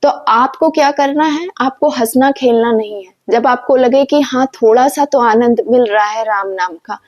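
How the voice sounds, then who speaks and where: A woman's voice: a little high, moderate pace, dull audio. Earnest woman giving spiritual advice. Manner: earnest, instructive, asks rhetorical questions. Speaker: spiritual speaker. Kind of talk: devotional motivational talk.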